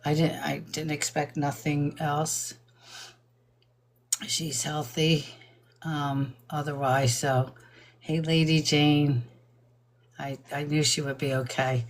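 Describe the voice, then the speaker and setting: A woman's voice: low-pitched, little pitch movement, takes it slowly, pauses often. An older woman hosting a live stream, chatting casually, laughing often and greeting viewers by name. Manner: admits nervousness about reading aloud.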